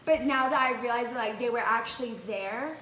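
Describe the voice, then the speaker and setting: Giggly high-voiced young woman, echoey. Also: a little fast. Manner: giggly, chatty, many "like" fillers. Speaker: vlogger. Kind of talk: casual chat and storytelling. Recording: echoey with loud background noise.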